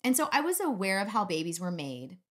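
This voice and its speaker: A woman's voice: medium pitch, a little fast. A middle-aged woman co-hosting a podcast, chatting casually and acting out people's voices as she tells stories. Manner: animated storyteller, acts out voices. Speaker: podcast co-host. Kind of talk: casual chat.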